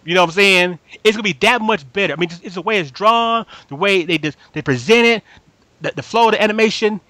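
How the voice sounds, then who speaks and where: Reviewing anime on his podcast, a man with a fairly high, forceful voice talks fast in a relaxed fan chat. He's emphatic and slangy, loops back to restate his points and keeps making sure he's understood. The audio is dry and echo-free.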